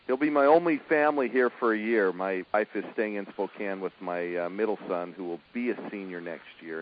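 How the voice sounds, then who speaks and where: A man's voice: on the low side, slight background noise. Easygoing middle-aged man on a muffled line. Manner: easygoing, chuckling, many fillers and restarts. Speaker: women's college basketball coach. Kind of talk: phone interview, casual chat.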